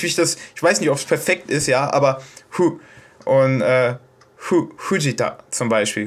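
A German man with a fairly high, fairly bright voice hosts a casual self-made video tutorial on Japanese pronunciation. He sounds hesitant, with many fillers and restarts.

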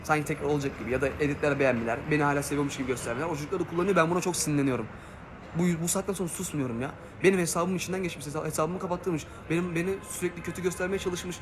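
A man's voice: on the high side, fairly even intonation, racing, background noise. A young man streaming live, ranting angrily in a heated, emphatic way. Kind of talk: angry live stream rant.

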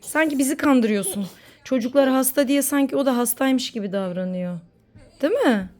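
A woman's voice: high-pitched, moderate pace, darkish tone. A mother talking playfully with her sick young son, coaxing and sing-song. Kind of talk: casual play with a child.

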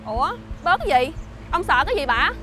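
A woman's voice: high-pitched, big pitch swings, background noise. A woman playing a smug, mocking young mistress. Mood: taunting. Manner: taunting, smug, drawn-out sentence tags. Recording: music bed behind.

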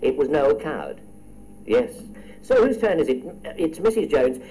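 Playful quizmaster with lively pitch. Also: male voice, normal speed, a little hiss or hum, low-quality recording. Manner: playful, teasing, chatty asides. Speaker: quiz show host. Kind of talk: radio quiz hosting.

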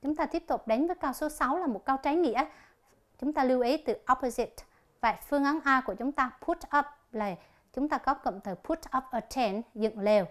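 A woman teaches an English lesson on television, with a voice that sits somewhat high. She works through each exercise in a slow, deliberate way and reads the answer options aloud one by one.

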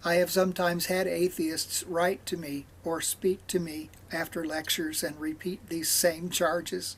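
A man leading a morning devotional, reading scripture aloud in a measured way with pauses. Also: a little high, flat delivery, a little hiss or hum. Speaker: devotional leader.

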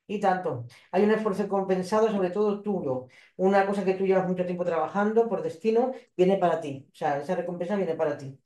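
Mellow-voiced tarot reader, roomy sound. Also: female voice, mid-range voice. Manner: chatty, repeats phrases, affectionate asides to the listener. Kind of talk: casual tarot reading to viewers. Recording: roomy echo.

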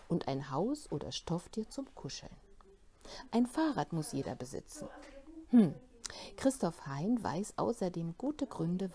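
Animated woman reading a children's book aloud. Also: on the low side, slight background noise. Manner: animated, warm storytelling. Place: bookshop.

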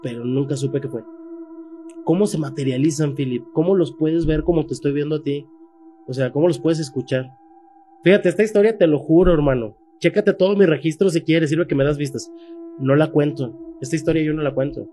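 A man's voice: on the high side, a little fast, dark tone, slight background noise. A man in his thirties with a Mexican Spanish accent, telling a frightening personal story in casual, slangy speech and raising his voice when quoting people. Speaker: guest telling a paranormal story.

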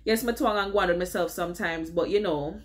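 Speaking fast in a fairly low voice, a middle-aged vlogger with a Jamaican accent gives casual advice from her home office, window blinds behind her. She's chatty and checks in with her audience again and again with "all right?"

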